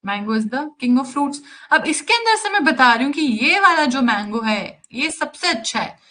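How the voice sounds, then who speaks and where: A woman with an Indian accent speaks in a high, sing-song voice that sounds pushed and bright, captured on a rough recording. She teaches English grammar in a live online class, explaining in a teasing way. She goes slowly and teasingly, mixing Hindi with English.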